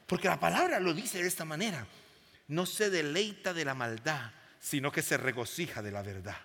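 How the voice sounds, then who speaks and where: A man's voice: on the high side, expressive, moderate pace, fairly bright tone. A man preaching a sermon to a congregation, emphatic and full of questions to the crowd. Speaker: pastor. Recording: long hall reverb.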